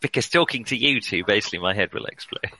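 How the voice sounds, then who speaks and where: A man's voice: lowish voice, expressive, fast, creaky, sharp tone, breathy edge, dry recording, rough recording. A man chatting casually as a player in a tabletop role-playing game, hesitant and dryly humorous. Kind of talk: casual chat.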